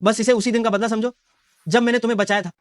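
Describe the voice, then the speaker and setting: Brief: man doing a cruel, scornful young groom for a drama dub, high, thin voice. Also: fairly even intonation, quick pace, natural voice. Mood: cold cruel. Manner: sneering and menacing. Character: cruel greedy young man betraying his lover. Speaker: dubbing actor. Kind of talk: Hindi dub of a short drama.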